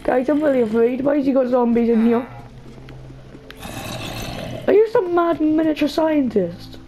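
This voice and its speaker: With a high-pitched, mellow voice at a moderate pace, this young gaming host keeps up nervous, chatty commentary aimed at her audience and an in-game character. There's slight background noise, and faint game music comes through a dull lo-fi mic.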